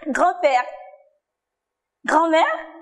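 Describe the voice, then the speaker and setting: A woman leads a children's church lesson, calling out words for a sign language game. Her voice sits high, and she speaks very slowly and patiently. She praises the children often and encourages them warmly. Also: very animated. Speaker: children's Sunday school teacher. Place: church TV studio.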